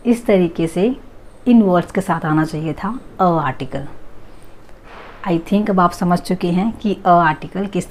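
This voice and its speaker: A woman teaching an English grammar lesson, drawing out each example phrase slowly and clearly. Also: lowish voice, a little mellow. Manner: slow, drawn-out example phrases.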